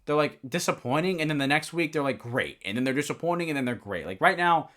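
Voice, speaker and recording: A man's voice: on the high side, animated, quick pace, a bit bright. A young man hosting a casual solo football recap, rambling, correcting himself and giving blunt opinions. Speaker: sports podcast host.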